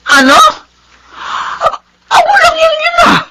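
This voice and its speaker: An actress playing a fierce, sharp-tongued older mother-in-law in a radio drama. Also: very high voice, wildly swooping pitch, measured pace, a little hiss or hum, exaggerated voice. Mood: alarmed. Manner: sharp, scolding.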